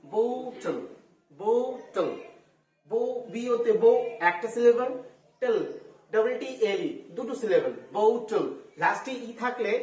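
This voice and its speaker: A woman's voice: a little high, darkish tone. A woman teaching a home-school lesson for children, spelling words out letter by letter, mixing in English and asking the pupils "right?". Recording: roomy echo, far from the mic.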